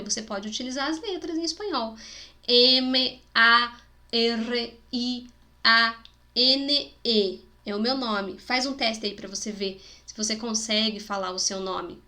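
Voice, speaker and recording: A woman's voice: medium pitch, a bit bright. A woman with a Spanish-speaking accent teaching a video lesson to schoolchildren, patiently explaining and sounding out example words. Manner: explains patiently, checks in with "né?" and "tá bom?".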